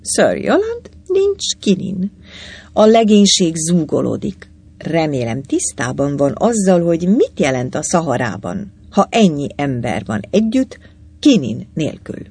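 A woman's voice: deep voice, big pitch swings, dark tone, slightly rough, exaggerated voice. A narrator voicing an agitated young Englishwoman on a desert trek, in an audiobook.

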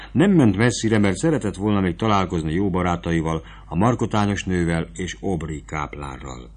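Casting: low-voiced male narrator, steady audiobook reading. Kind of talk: scripted narration.

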